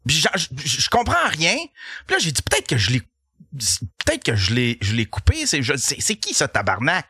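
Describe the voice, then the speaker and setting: A man with a Québécois accent, a podcast host telling a comic story in an animated, profane way and laughing as he goes. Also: fairly high pitch, moderate pace, breathy edge, no room sound, studio quality. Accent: Québécois French.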